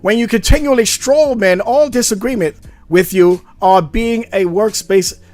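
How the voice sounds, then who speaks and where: A man's voice: high voice, soft background music, pitched above the performer's own voice. A man putting on a sneering angry Aussie. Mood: mocking, indignant. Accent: put-on Australian. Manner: drawn-out, mocking, shouty. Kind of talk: mocking read-out of a comment.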